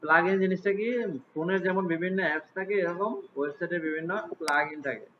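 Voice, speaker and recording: Male teacher, somewhat high voice, tinny phone-like audio. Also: steady tone, quick pace, slight background noise. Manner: casual, asks students frequent check questions. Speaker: computer class teacher. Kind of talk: live class walkthrough.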